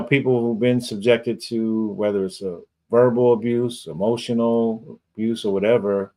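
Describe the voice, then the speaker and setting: In a fairly low and somewhat mellow voice, a man hosts a podcast interview, rambling through casual questions and using lots of filler words.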